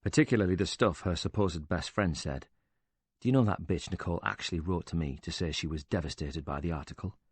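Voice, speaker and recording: A man voicing a bitter, quick-tempered older widower who talks with indignant sarcasm and swears freely. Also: low-pitched, slightly rough, dry recording.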